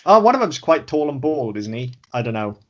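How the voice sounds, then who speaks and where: A man in his thirties co-hosts a laid-back podcast chat, blunt and full of swearing. He rambles and restarts his sentences at a middling pitch. The audio is a little dull and lo-fi. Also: big pitch swings, a little fast. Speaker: podcast co-host. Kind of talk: casual chat.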